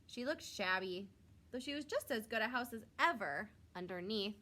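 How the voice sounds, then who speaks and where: A woman reading a picture book aloud to young children, expressively, drawing out words for emphasis like a teacher. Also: fairly high pitch. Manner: expressive, with drawn-out emphasis and questions to listeners.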